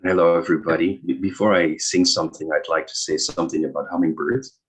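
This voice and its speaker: A man speaking gently and reflectively as a guest on a video call, with a few restarts. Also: low-pitched, fast, husky, rough recording. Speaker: guest singer. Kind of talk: casual spoken remarks then simple song.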